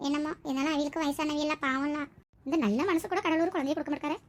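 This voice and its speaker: A woman's voice: sits high, steady tone, rapid-fire, close to an everyday voice. A woman playing a sad childless village wife. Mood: sorrowful. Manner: soft and tearful. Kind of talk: village comedy skit acting.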